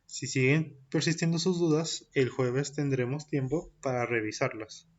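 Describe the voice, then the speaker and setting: In this recorded primary-school language lesson, a medium-pitched man teaches French to young children; the audio has its highs cut off and a little background noise. He works deliberately, voicing each point in French, repeating it in Spanish, and drilling pronunciation.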